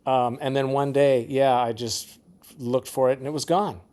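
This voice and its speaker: A man's voice: medium pitch, fairly even intonation, moderate pace, darkish tone. A middle-aged man from the Seattle area, a guest musician in a casual interview, rambling through stories and laughing often.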